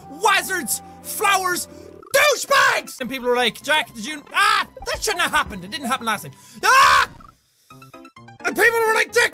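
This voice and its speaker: A man raging at a video game, yelling and swearing in frantic bursts over game music. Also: very high voice. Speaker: gaming video creator. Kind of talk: raging let's-play commentary.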